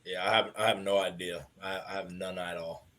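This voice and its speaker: A man's voice: low-pitched, flat delivery, a little fast, a bit bright. A man on a casual sports podcast panel, chiming in with short, emphatic agreement.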